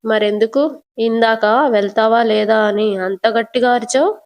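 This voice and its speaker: A woman voicing a sweet, devoted young wife in her own fairly high storytelling voice. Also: little pitch movement, moderate pace, close to an everyday voice. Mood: affectionate.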